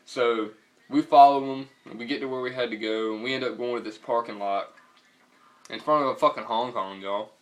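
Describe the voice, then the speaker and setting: A man's voice: medium pitch, fairly even intonation, moderate pace, poor audio. A young man with a Southern US accent telling a story casually in a slangy, profane, rambling way. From North Carolina, US.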